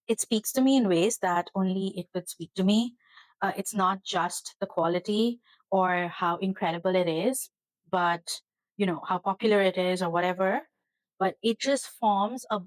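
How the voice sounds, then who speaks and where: A woman's voice: medium pitch, no echo, low-quality recording. A woman hosting her own tarot channel, chatting casually to camera from her kitchen in an earnest, rambling way that turns emotional. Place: home kitchen.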